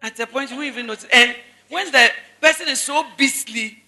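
A Ghanaian-accented woman pastor delivers a sermon fairly quickly in a high-sitting, sharp voice, her words filling a large hall. Repeating points for emphasis, she speaks directly to the congregation.

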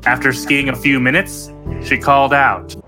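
Guy narrating old radio thriller, dramatic, medium pitch, music under him. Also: flat delivery, moderate pace. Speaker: announcer and narrator.

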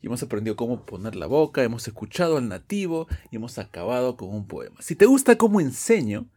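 A man's voice: medium pitch, very animated, quick pace, darkish tone, breathy edge. A man teaching English pronunciation in a podcast lesson, explaining step by step and often checking with "ok?".

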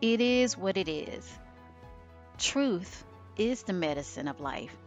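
A woman's voice: mid-range voice, takes it slowly, lo-fi sound, faint music behind. A woman hosting a motivational podcast, talking emphatically and acting out little voices of doubt and fear. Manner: animated and emphatic, acts out inner voices. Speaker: podcast host.

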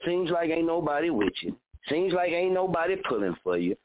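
A radio host in his thirties delivers a blunt, fired-up motivational talk packed with repetition and swearing. His voice is a little high and very animated, running a little fast. The audio sounds narrow, like a phone line, with a slight hiss or hum.

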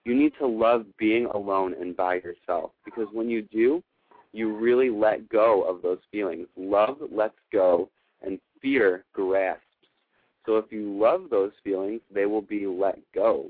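A man hosts a call-in advice show on the radio, counseling callers in an earnest, affirming, emphatic spiritual-coaching style. His voice is fairly low, with no echo, and the sound is narrow and phone-like.

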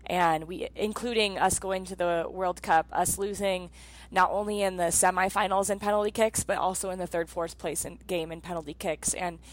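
Woman, thirties, lower pitch, interview host, empathetic, chatty fillers. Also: steady tone, normal speed, no echo, low-quality recording. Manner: empathetic, fills with "um" and "you know". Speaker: interview host, former soccer player. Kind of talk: casual interview conversation.

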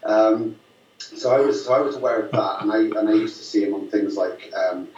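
Man, 50s, rambling fillers, low pitch, distant mic, muffled sound. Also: brisk, darkish tone, roomy sound. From Lancashire, northwest England. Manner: rambling, many fillers and restarts, amused. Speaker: filmmaker guest. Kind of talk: casual storytelling interview.

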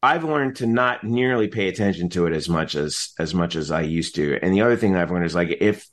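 Deep-voiced and fairly quick, a middle-aged man talks casually as an interview guest, and he is also an announcer and teacher. His explanations ramble and are animated, with frequent self-interruptions mid-thought.

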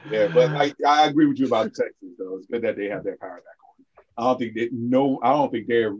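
A laid-back man co-hosts a sports podcast and tells his stories in a loose, rambling way. His voice has a husky edge to it, and he sits at an ordinary middle pitch. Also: fast, muffled recording. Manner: laid-back storyteller, rambling with many "like" and "you know". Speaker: podcast co-host. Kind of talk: casual sports podcast chat.

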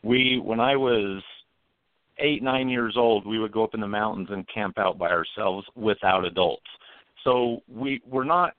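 Male guest, low voice, tinny phone line, steady earnest storyteller. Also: a little slow, dry recording. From American mountain country. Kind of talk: storytelling on a talk show.

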